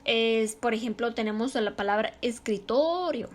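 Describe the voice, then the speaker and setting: A woman teaching a grammar lesson, explaining slowly and repeating example words with strong stress. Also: on the high side.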